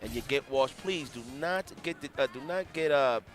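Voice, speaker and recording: A man's voice: mid-range voice, moderate pace, faint music behind. A man commentating a fighting game tournament in casual chat, telling stories with slangy, laughing delivery. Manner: animated storytelling, laughing, slangy.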